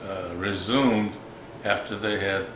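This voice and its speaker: An elderly man, a war veteran, recalling his service in an interview in a halting, reflective way with formal wording. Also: on the low side, fairly even intonation. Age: 80s or older. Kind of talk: old veteran remembering, unscripted interview recollection. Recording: echoey room with background noise.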